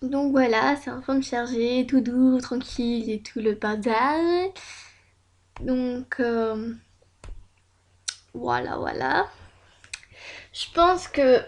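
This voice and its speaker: A woman YouTuber chatting casually over a screen recording at home, rambling with many fillers and self-mocking asides. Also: on the high side. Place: at home at her computer.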